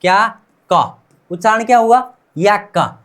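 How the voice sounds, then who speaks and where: Slow, repetitive Indian woman teacher. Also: medium pitch. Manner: slow, repeats each word many times and asks questions back. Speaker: Korean language teacher. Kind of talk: explaining Korean pronunciation in Hindi.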